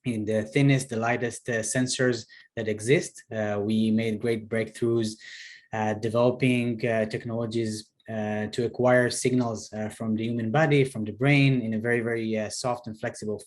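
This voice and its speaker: A man in his thirties with an Israeli accent, a startup founder answering interview questions, pausing often with fillers and restarts. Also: lowish voice, level tone. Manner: hesitant, many fillers and restarts. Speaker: startup CEO guest. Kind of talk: video call interview.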